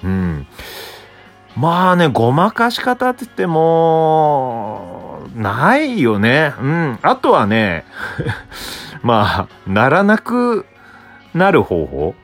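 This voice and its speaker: A young man from Hokkaido hosting a solo podcast, rambling casually and answering himself with soft filler sounds. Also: fairly high pitch, huge pitch swings, drawn-out words, pauses often, soft background music. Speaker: podcast host.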